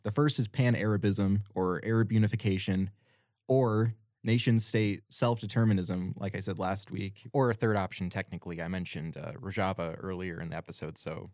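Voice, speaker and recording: Low voice, dry close sound, young american man, earnest political chat, repeats words. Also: fairly even intonation, moderate pace, a little mellow, dry recording. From United States. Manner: earnest, repeats words when starting thoughts. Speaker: podcast co-host. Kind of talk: casual political discussion.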